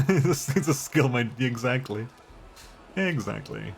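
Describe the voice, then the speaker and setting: A man's voice: mid-range voice, animated, a little slow, vocal fry. A man giving casual, conversational commentary as he plays a video game.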